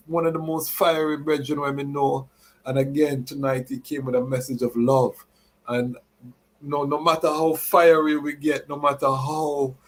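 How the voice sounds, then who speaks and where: A man hosting a live show, mixing announcements with Rastafari reasoning in Rastafarian idiom and repeated catchphrases. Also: medium pitch. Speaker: podcast host.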